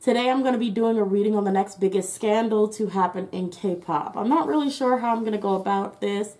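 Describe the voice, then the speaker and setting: A woman's voice: mid-range voice, a little fast, a little mellow. A woman with a voice muffled by a face mask over her mouth, casually improvising a tarot reading as host. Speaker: tarot reader and channel host.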